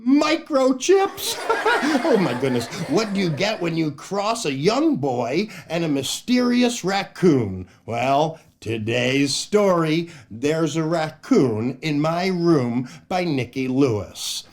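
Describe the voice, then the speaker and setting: This children's show host, an older man, has a voice on the high side, very animated and slow-paced. He mixes joke telling with reading aloud, all in a playful, over-the-top, theatrical manner.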